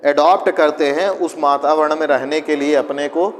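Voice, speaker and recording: A man teaches a class in a relaxed, conversational way, firing questions and answering them himself. His voice sits fairly high for a man. The sound carries a long reverberant tail from the room. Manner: acts out students and parents in quick asides. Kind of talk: classroom lecture. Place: classroom with students present.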